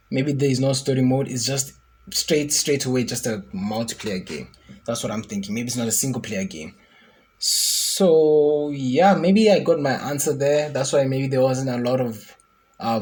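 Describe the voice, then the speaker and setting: A man's voice: mid-range voice, a little mellow, husky. A man giving casual, rambling commentary as he reacts to a video game trailer. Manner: chatty, rambling, speculative. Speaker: gaming YouTuber reacting to a trailer.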